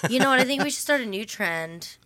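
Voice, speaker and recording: Bright-voiced wisecracking woman. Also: on the high side, animated, fast talker, dry recording. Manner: wisecracking, blunt, swears casually. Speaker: podcast co-host. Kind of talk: casual chat.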